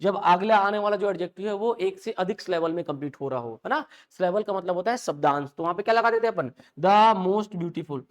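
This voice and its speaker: A man's voice: sits high, brisk, hardly any pauses. A male English teacher, lecturing a class and repeating each point as a question and answer.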